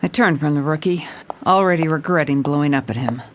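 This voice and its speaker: This woman's low, natural voice moves a little fast over a faint hiss or hum. She plays a world-weary, hard-boiled police commissioner narrating a noir audio drama, dry and stern, with a tense, wry mood.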